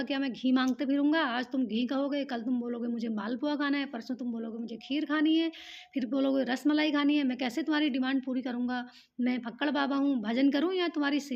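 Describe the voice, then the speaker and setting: A humble old ascetic saint, read by a woman narrator in a storybook telling. He scolds gently and pleads, with a high, gravelly voice. The recording is dull and lo-fi. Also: fairly even intonation, fairly quick. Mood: exasperated.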